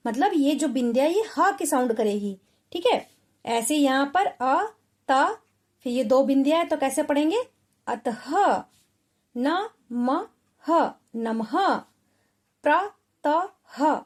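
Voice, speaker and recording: A woman's voice: high voice, darkish tone. A woman teaching spelling to children, sounding out letters one by one and checking in often. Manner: sounds out letters slowly, often asks "ठीक है". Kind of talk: slow, patient spelling lesson.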